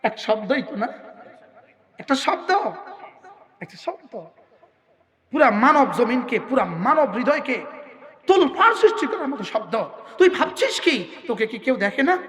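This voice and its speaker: A man delivers an impassioned sermon in a very high, bright voice, driving his points home through repetition. He slows down to chant Arabic verses, and his voice rings through a roomy, echoey hall. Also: very animated. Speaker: Islamic preacher. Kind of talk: waz sermon.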